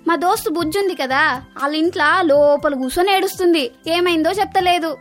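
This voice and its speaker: A woman playing a squeaky young village girl with a Telangana accent. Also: quick pace, faint music behind. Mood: worried. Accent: Telangana Telugu. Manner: urgent calling, breathless chatter. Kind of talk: radio drama acting.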